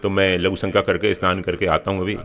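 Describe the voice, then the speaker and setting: A man playing a proud, boastful demon king within a sermon retelling, speaking in a brash, hurried way. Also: low voice, little pitch movement, fairly bright tone. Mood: coaxing.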